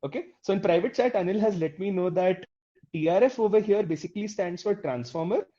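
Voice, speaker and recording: Mellow-voiced instructor, muffled lo-fi audio. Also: mid-range voice, fairly quick. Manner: explains step by step, often checking in with "okay?" and "right?"; addresses the class directly with questions. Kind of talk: live online coding class.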